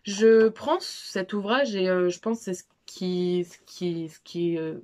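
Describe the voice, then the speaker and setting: A chatty young adult woman, a book vlogger, gives a casual monthly reading recap in a slangy, informal style. Her voice is lowish and darkish, she takes it slowly, and her talk is full of fillers, restarts, and self-deprecating asides.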